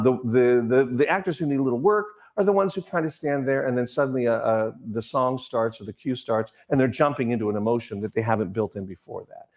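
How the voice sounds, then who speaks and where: A middle-aged man giving an informal lecture on the stage arts, rambling like a professor, with digressions, halting restarts and personal anecdotes. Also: mid-range voice, darkish tone. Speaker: lecturer on musical theater.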